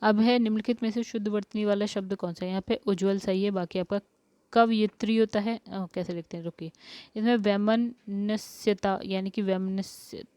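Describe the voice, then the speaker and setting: A woman's voice: mid-range voice, fairly even intonation, moderate pace, dark tone, no room sound. A woman teacher working through spelling questions step by step, asking each question and then answering it. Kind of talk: spelling lesson for exam prep.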